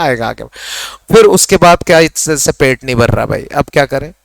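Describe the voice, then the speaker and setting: A man teaching an accounts class, quizzing his students and mixing Hindi with English terms, and dictating definitions slowly word by word. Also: medium pitch, no echo. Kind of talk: classroom lecture.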